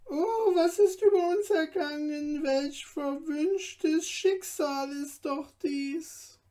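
A man voicing a frightened old male tailor in a storybook reading, high and wailing. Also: takes it slowly, mellow, far from the mic. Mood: distressed.

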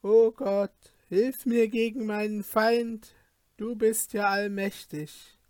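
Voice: medium pitch, little pitch movement, slow pace, a little mellow, no echo, clean studio sound, close to an everyday voice. A reader doing a frightened young prince. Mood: pleading. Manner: anxious and pleading.

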